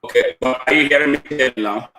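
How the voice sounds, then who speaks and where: A man's voice: medium pitch, moderate pace, pushed and bright, a little hiss or hum, rough recording. A male guest on a remote interview call whose voice keeps breaking up over a bad internet connection, apologetic and checking whether he is heard.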